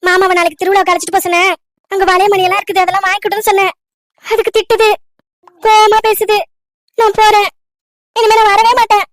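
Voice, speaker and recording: A woman's voice: extremely high pitch, level tone, quick pace, long pauses, no room sound. A woman voicing a cheerful young village girl who chatters eagerly and coaxes her uncle in a cartoon love story. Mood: tearful. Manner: chatty, coaxing.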